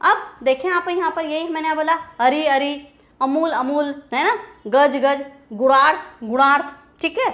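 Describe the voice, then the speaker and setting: A woman's voice: high-pitched, unhurried, a bit bright. A woman teacher giving a grammar lecture, repeating key terms and answering her own questions.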